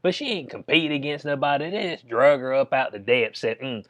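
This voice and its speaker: A man with a Southern American accent delivers casual sports commentary as a comedic rant. His voice sits at a middling pitch, and he talks in slang with an incredulous, chuckling manner. The sound is dry, with very little room in it. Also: animated, brisk, a bit bright, no echo.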